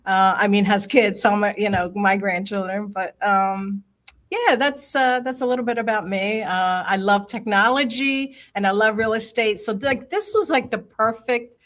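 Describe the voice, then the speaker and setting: A woman's voice: mid-range voice, normal speed, fairly bright tone. An older woman from Italy, a realtor, telling her family story in a rambling, personal way during a casual group chat. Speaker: realtor and app founder.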